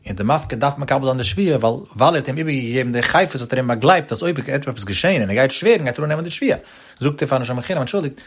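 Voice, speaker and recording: Fast, husky-voiced man teaching religious law. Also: medium pitch, animated.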